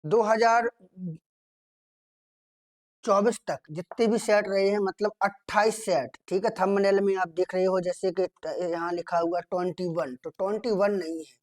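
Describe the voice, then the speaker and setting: A man from India teaching a grammar lesson for an exam. He reads the sentences out slowly and keeps checking in with his students, asking and answering his own questions. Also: sits high, fairly even intonation. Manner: repeats "theek hai" often, asks and answers his own questions.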